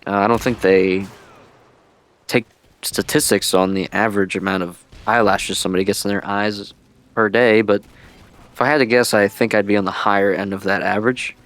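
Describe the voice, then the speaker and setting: On a headset-style microphone with an intentionally old-school sound, this man, a video creator and streamer, offers rambling, relaxed gaming vlog commentary. His voice sits on the low side and is a bit bright, with fairly even intonation at a normal speed.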